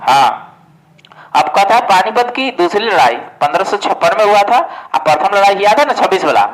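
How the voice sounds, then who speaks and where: This exam coaching teacher, a man, speaks in a high-pitched, animated voice at a fairly quick pace, and the recording is rough. His history lesson for exam prep is casual; he asks his own questions, supplies the answers, and frequently drops in "ठीक है".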